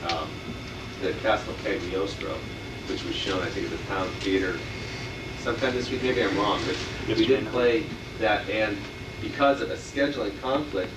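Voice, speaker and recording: A man who distributes films, speaking on a convention panel in a measured, hesitant way, heard on an old VHS camcorder tape. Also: lowish voice, distant mic. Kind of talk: panel talk. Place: large convention hall. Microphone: distant camcorder mic. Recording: old VHS camcorder tape, echoey hall, heavy hiss.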